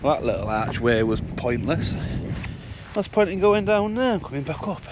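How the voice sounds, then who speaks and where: This Yorkshire-accented man's fairly high voice has a sing-song lilt at a moderate pace as he jokes and chats informally with viewers of his van-life vlog. The on-location sound is muffled, with a noisy background.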